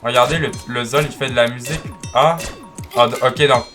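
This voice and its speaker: A man commenting casually on his gameplay, chatty and talking straight to his viewers, often restarting his sentences. His voice sits at a middle pitch, with game music clearly playing underneath. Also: steady tone, fairly quick, a bit bright. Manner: chatty, full of restarts, addresses viewers directly. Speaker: gaming video creator.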